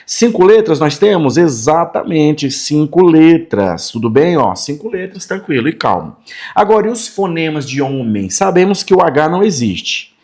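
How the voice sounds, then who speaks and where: A man with a Brazilian Portuguese accent teaching a grammar lesson, sounding out words slowly and checking in with students every few phrases. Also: a little high, a little mellow. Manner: friendly, checks in often with quick tags like "fechou?" and "tá?"; sounds out words slowly and repeats them for emphasis.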